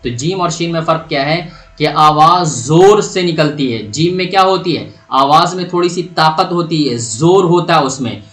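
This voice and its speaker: A man's voice: a little high, animated, a bit bright. Patient man teaching letter sounds, echoey room. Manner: patient, asks questions then answers them; stretches out letter sounds to demonstrate. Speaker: Quran reading teacher. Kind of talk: step-by-step pronunciation lesson.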